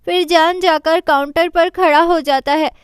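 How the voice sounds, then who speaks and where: High-voiced woman narrating a drama recap. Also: steady tone, measured pace, dry recording, clean studio sound. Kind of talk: storytelling recap voicing all characters.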